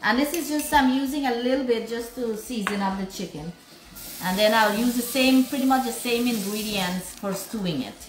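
A woman's voice: fairly high pitch, normal speed. A woman hosting a live cooking stream from her home kitchen, chatting to viewers and greeting them by where they are from. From Guyana. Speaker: cooking vlog host. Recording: roomy kitchen echo.

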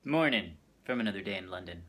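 A man talking excitedly and jokily into a handheld camera for his travel vlog. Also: low voice, fast talker. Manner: excitable, chatty, jokey. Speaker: vlogger. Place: busy convention and city streets. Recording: crowd chatter and background noise.

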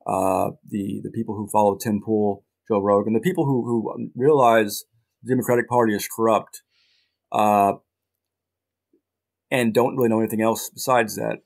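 A middle-aged man, a journalist guest in a casual interview, talking in halting bursts with many restarts and dry asides. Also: fairly low pitch, steady tone, creaky, a little mellow.

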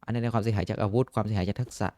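A young man giving casual gameplay commentary, excitable and swearing often, with frequent exclamations. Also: lowish voice, very fast, a little hiss or hum. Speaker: gaming YouTuber.

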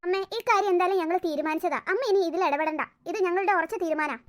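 A voice actor playing a calm, firm father in a cartoon story, speaking steadily as he stands up to his mother. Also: extremely high pitch, fast talker.

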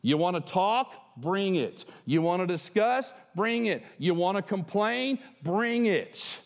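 An older man preaching with a high, lively voice that swoops up and down as he makes his points. He moves across a large church stage with a headset mic, and his voice trails off into a long hall reverb. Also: slow. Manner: animated, emphatic preaching with wide gestures. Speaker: pastor. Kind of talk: sermon.

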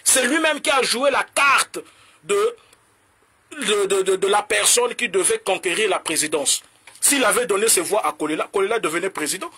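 A man with a Congolese French accent rants about politics to camera. His voice sits high, with a tense, forceful edge and a husky grain. He is combative and mocking, and he switches languages in quick bursts. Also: lively intonation. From Republic of the Congo. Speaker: political commentator. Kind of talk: heated political rant to camera.

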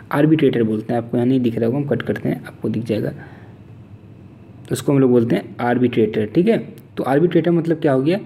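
A man with an Indian accent gives an exam-prep vocabulary lesson in a very dark, mellow voice. He reads each English definition out slowly, then explains it in Hindi, often checking in with "theek hai". His pitch sits in the middle for a man. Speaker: teacher.

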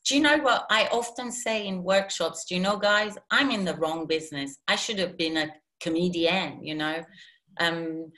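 A woman's voice: medium pitch, fairly bright tone. A woman who grew up in Iran, a guest talking casually and animatedly with many restarts. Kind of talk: casual interview talk.

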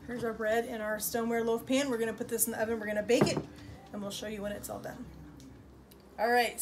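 A woman's voice: mid-range voice, noisy background. A woman giving a casual cooking demonstration in a kitchen, explaining each step in a chatty, upbeat way. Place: home kitchen.

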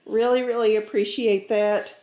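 A woman's voice: medium pitch, steady tone, moderate pace, warm tone. A woman hosting a casual family unboxing chat at home, chatty and thankful and often laughing. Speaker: family channel host, mother. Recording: roomy home room, faint noise.

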